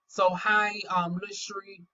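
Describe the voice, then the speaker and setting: A Southern American woman chats casually through a product review in a bright, forward voice. She has trouble pronouncing her R sounds and talks in a candid, folksy way peppered with slang. The recording is slightly dull and lo-fi. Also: medium pitch, flat delivery, slow pace. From North Carolina, US South. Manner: folksy, candid, chatty with playful euphemisms and slang. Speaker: beauty vlogger, aesthetician.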